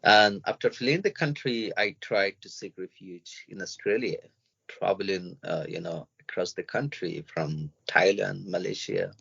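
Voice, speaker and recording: A man from Myanmar speaking as an interview guest, in a halting way with many fillers and restarts, on dull lo-fi podcast audio. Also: low-pitched, creaky, fairly bright tone, breathy edge. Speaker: interview guest, refugee and journalist. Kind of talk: casual interview talk.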